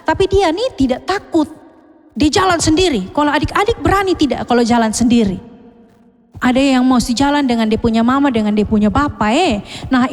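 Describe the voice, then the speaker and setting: A Sunday school teacher, telling a story to children and asking them questions, with a long hall reverb. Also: female voice, high voice. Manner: lively, questioning the children often.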